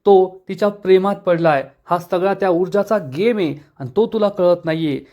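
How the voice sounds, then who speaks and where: A man's voice: high voice, normal speed, a little mellow, voice pushed up, close to an everyday voice. A man voicing a stern, scheming middle-aged father who gives firm, commanding lines in a serial recap. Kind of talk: dramatic reading of a TV serial recap.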